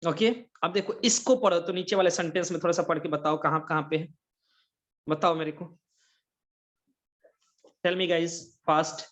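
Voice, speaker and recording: High-voiced Indian man teaching a class. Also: fairly even intonation, unhurried, pauses often, a bit bright. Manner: mixes Hindi and English, repeats checking questions. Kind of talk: online English grammar lecture.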